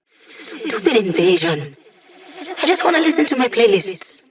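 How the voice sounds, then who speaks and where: A woman's voice: on the high side, very animated, measured pace. A woman playing a quirky, upbeat young female AI hacker in a video game, with a playful, wry, conversational delivery. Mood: uneasy, grumbling. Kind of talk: scripted video game character dialogue.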